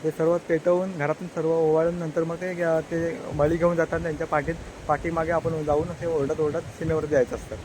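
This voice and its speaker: A village vlogger from the Konkan coast, speaking with a Konkan Marathi accent, narrates casually to his channel's viewers with hesitant fillers while filming on a phone at his village home and outdoors in the rain. His voice is fairly high and flat, fairly quick with hardly any pauses, and darkish in tone. The audio is poor, with slight background noise.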